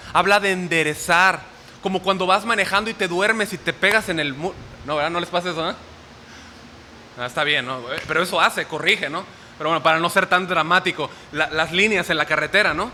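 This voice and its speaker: A man preaches a sermon, checking in with his listeners through quick questions. His voice sits high and rings very bright. It carries a long hall reverb with a faint hiss underneath. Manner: asks the audience questions often.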